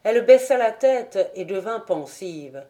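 A woman reads an old legend aloud with measured, expressive narration. Her pace is very slow and unhurried. The voice is warm and mellow, with a middling pitch. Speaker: audiobook reader.

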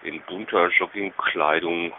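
A man giving a deadpan, formal, halting mock-official report over a muffled public payphone line. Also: low-pitched, a little hiss or hum. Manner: formal, dry, halting phrasing. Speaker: field reporter calling in by payphone. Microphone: telephone handset.

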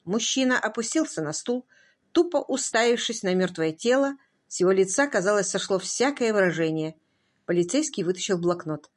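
Woman, audiobook narrator, mid pitch, even scripted storytelling. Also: moderate pace.

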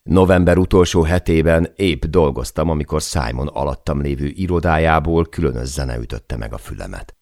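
A man reads a memoir audiobook in a steady storytelling way. His voice is extremely deep and gravelly, and his pitch moves a lot. The recording is dry and close. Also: few pauses, dry recording. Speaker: audiobook narrator. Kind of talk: scripted memoir narration.

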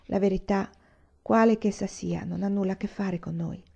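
A woman's voice: mid-range voice, fairly even intonation, normal speed, gravelly, a little mellow, breathy edge. A woman reading a novel aloud and voicing an angry, accusing husband who argues in raised, insistent outbursts. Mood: subdued. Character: angry, accusing Chinese husband, adult man. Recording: slightly dull lo-fi recording.

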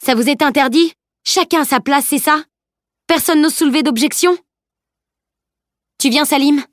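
A woman's voice: a little high, lively intonation, normal speed, a bit bright, no room sound, studio quality, pitched above the performer's own voice. A woman voicing a fierce teenage heroine who speaks in a heated, cutting way. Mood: defiant, furious. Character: fierce teenage girl heroine, defiant and angry.

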